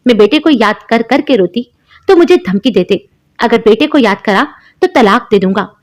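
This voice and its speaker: A young woman narrating a first-person story in a steady, emotional storytelling manner. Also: fairly high pitch, moderate pace. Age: young adult.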